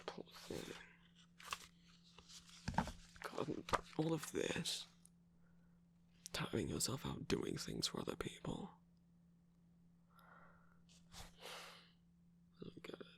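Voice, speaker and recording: Someone doing a sly male cookie trickster, whispery and super gravelly, teasing and prodding, voice swings all over. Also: medium pitch, wildly swooping pitch, slow, long pauses, slight background noise, full character voice. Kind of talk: whispered ASMR roleplay.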